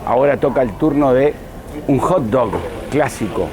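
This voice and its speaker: A man's voice: medium pitch, normal speed, a crowd in the background. A man narrating a travel vlog in a chatty, enthusiastic way, explaining sights as he walks around a city outdoors. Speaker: travel vlogger. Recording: music playing under the voice.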